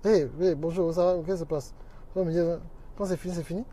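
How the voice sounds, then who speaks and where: A man's voice: high voice, fairly even intonation, quick pace, dark tone. A man talking on a casual livestream, preaching emphatically and greeting viewers by name as he goes. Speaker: minister and social media teacher.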